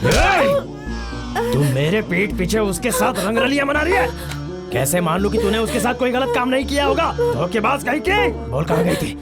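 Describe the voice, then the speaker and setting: A man's voice: fairly high pitch, fast talker, over loud music, lightly acted. A man dubbing a jealous husband who accuses his wife, in a film dub. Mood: accusing.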